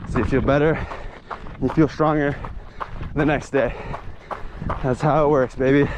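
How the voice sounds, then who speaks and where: An American man chatting casually to his vlog while running on a trail, breathy with effort as he talks. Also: medium pitch, steady tone, measured pace. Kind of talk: casual vlog chat, motivational asides. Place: outdoors on a hilly trail. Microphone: action camera carried while running. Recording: clear outdoor noise from action camera. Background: outdoor trail ambience and noise.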